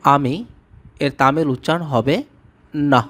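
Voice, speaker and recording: A man who speaks Bengali as his first language, giving a scripted language lesson and slowly repeating each word with its meaning. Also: medium pitch, steady tone, a bit bright. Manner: slow, repetitive word-by-word drilling. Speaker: language teacher.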